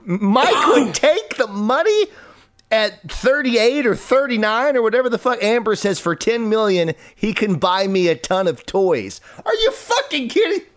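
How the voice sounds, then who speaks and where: A man with a high voice hosts a comedic chat show. He tells stories in an animated, joking way and reacts with loud disbelief. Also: moderate pace, hardly any pauses. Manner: animated, incredulous, jokey. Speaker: podcast host.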